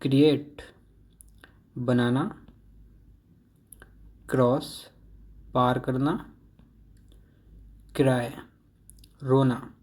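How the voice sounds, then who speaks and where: A man's voice: medium pitch, darkish tone. A man teaching English vocabulary, reading words with their Hindi meanings and correcting pronunciation one word at a time.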